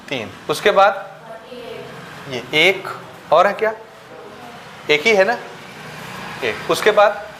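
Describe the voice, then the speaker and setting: A man's voice: high-pitched, fairly bright tone, slight background noise. A man teaching a maths class, counting numbers aloud and often checking whether the students follow. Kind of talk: classroom lecture.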